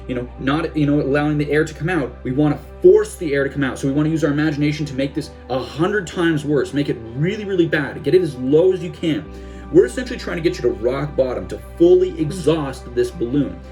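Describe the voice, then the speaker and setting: A young man working as a self-help coach gives a casual instructional talk, occasionally slipping into gloomy voices that mimic the listener's thoughts. His voice is a little high and a little mellow.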